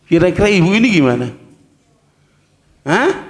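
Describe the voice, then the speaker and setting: A man preaching a lively sermon to a group of women, joking and quizzing his listeners. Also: high voice, normal speed. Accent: Indonesian. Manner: lively, jokey, quizzes the audience. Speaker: Islamic preacher. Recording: echoey hall reverb.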